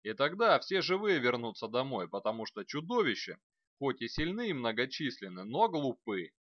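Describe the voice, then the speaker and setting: A man's voice: medium pitch, sing-song, moderate pace, no echo. A man barking as a tough company sergeant. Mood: gruff reassurance. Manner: loud barking, blunt pep talk. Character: tough male company sergeant, blunt and rough. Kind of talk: audiobook character voice. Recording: dry, slightly dull recording.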